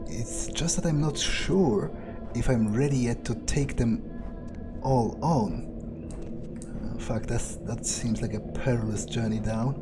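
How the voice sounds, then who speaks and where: Taking it slowly over background music, this medium-pitched man voices in-character commentary while playing a game. His talk is musing and hesitant, with offhand swearing as he thinks out loud.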